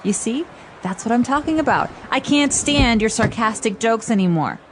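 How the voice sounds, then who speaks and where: A woman's voice: on the high side, animated, moderate pace, noisy background, voice pushed up, close to an everyday voice. A woman voicing a fed-up girlfriend arguing with her boyfriend in a scripted lesson dialogue, with an indignant, exasperated delivery.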